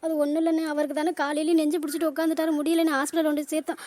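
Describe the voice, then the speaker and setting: A woman's voice: sits high, level tone, very fast, darkish tone, dry recording, natural voice. A woman voicing a desperate sister who pleads for help, in a cartoon drama. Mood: pleading.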